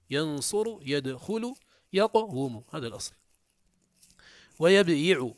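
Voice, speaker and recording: A man's voice: medium pitch, dry recording, clean studio sound. A male teacher giving a recorded grammar lesson, explaining step by step and often repeating or restarting words.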